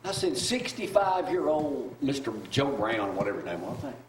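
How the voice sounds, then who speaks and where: A man, hosting a morning talk show with joking, animated banter. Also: mid-range voice, moderate pace, reverberant, recorded from a distance, slight background noise. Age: 50s. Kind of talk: casual studio banter.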